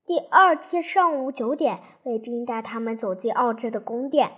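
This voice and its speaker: A woman narrating a children's storybook aloud, slowly and carefully. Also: fairly high pitch, breathy edge, phone-quality sound.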